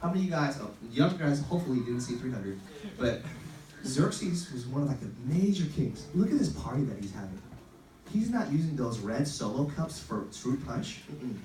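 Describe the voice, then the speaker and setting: A man's voice: medium pitch, very animated, normal speed, mellow. A man preaching an informal, upbeat youth sermon as a pastor, telling stories in a conversational way. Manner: upbeat, conversational, acts out quoted lines. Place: echoey room, recorded at a distance. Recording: roomy, distant pickup with faint noise.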